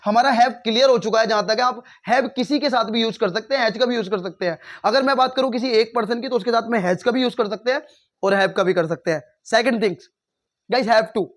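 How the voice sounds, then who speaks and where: A man with an Indian accent teaching a casual spoken English lesson, switching between Hindi and English and calling his viewers "guys". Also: extremely high pitch.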